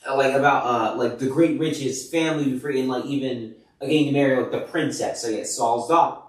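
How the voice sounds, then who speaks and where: A man's voice: medium pitch, a little fast. A man reading Bible passages aloud and retelling them in loose, casual words full of fillers like "like" and "you know". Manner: reads scripture then paraphrases loosely with many fillers. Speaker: Bible reader. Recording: echoey room from far off the mic.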